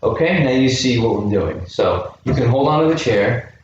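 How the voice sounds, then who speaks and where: Animated and mid-range in pitch, a youth fitness coach speaks at a normal speed as he counts reps and encourages kids with questions in a home workout class. A far-off camera mic in an indoor room with a chair gives a lo-fi, very echoey recording with faint noise.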